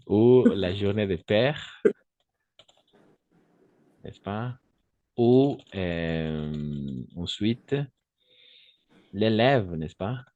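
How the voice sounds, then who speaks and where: Slow, low-voiced man teaching French. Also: very animated, a little mellow, no echo, muffled recording. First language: Spanish. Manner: patient, repeats words slowly and checks with "d'accord?". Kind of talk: online language lesson.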